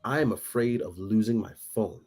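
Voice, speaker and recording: A man talking casually as a podcast guest, rambling and animated, laughing often. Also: lowish voice, moderate pace. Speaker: guest toy photographer.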